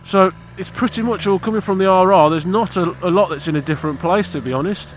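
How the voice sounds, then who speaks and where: A British motorcycle vlogger, stuffy with hay fever, chats casually to camera about his motorbike outdoors in a blunt, cheeky, rambling way. His voice sits high and he talks fast, with a little hiss or hum on the recording.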